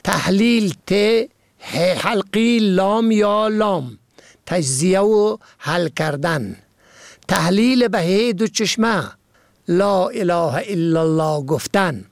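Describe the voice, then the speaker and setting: A man reads a vocabulary and usage lesson, measured and precise, spelling words out letter by letter. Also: high voice, expressive, creaky, no echo, clean studio sound. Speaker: language teacher.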